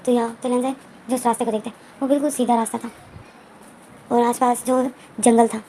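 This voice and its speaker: Rapid rambling woman retelling a story. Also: a little high, flat delivery, mellow, slight background noise. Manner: rambling, repeats herself and restarts. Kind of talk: casual retelling of a fan story.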